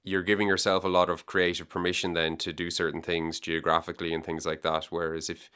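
Deep-voiced, smooth Irish man. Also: monotone, fairly quick, bright, forceful tone. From Ireland. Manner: rambling, repeats words, many fillers. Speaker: debut novelist guest. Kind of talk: casual interview chat.

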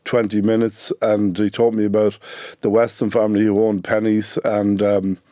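A man's voice: lowish voice, little pitch movement, normal speed, warm tone, no room sound, studio quality. A middle-aged man with a west of Ireland accent, telling his own story conversationally as a business owner in a radio interview. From Sligo, west of Ireland.

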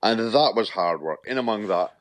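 A man in his fifties from Shetland with a Shetland Scottish accent, chatting as a radio interview guest in a halting way, often repeating words. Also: on the low side, lively intonation, no room sound. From Shetland, Scotland. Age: 50s.

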